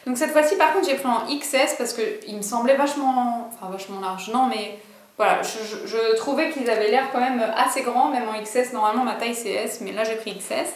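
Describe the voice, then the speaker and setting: A young woman talks casually through a clothing haul, chatty and bubbly, full of fillers and little asides. Her voice sits a touch high. The room around her rings with echo. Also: brisk. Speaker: vlogger.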